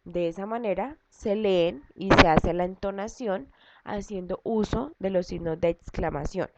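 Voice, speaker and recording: A woman's voice: mid-range voice, measured pace. Patient woman teacher, lo-fi noisy recording. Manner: patient, step-by-step explaining with frequent repetition. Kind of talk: recorded class lesson for students. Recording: dull lo-fi audio with loud background noise and clicks.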